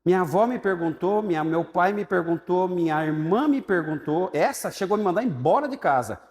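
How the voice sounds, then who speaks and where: A man with a Brazilian Portuguese accent teaching Sunday school, telling his testimony as an animated storyteller who acts out the voices of people in it. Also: high-pitched, fairly quick. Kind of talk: sermon-style personal testimony. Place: church hall. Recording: echoey church hall with long reverb.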